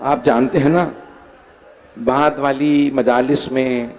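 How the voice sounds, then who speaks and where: A man with a Pakistani Urdu accent, a cleric reciting a mourning sermon at a gathering, whose delivery climbs into impassioned, shouted wailing. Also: mid-range voice, flat delivery, takes it slowly. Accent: Urdu-speaking Pakistani. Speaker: Shia cleric reciting a majlis.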